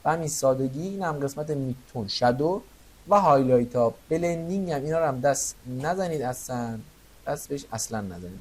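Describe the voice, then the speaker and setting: A young man walks through a software lesson in an easygoing, conversational tone. He pauses to think aloud and often checks that the listener is following. His pitch sits in an ordinary middle range. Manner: informal, thinks aloud while explaining. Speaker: Photoshop instructor. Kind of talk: screen-recorded software tutorial.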